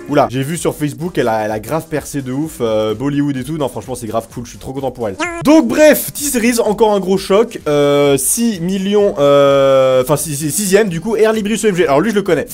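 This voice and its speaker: A young man giving casual reaction commentary as a YouTuber, excitable and exclamatory, full of slang. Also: a little high, brisk, hardly any pauses, faint music behind.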